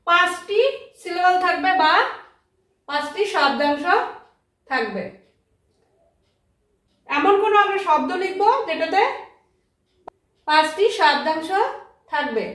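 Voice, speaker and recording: A woman teaching a grammar lesson, speaking slowly and spelling out words letter by letter. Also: extremely high pitch, lively intonation, a bit bright. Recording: very echoey room, mic far off.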